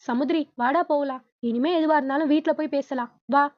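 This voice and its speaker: A woman's voice: high voice, steady tone, a little fast, no room sound, natural voice. A woman reading the part of a protective middle-aged father who comforts his daughter and scolds her captor, on a dull lo-fi recording. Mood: soothing.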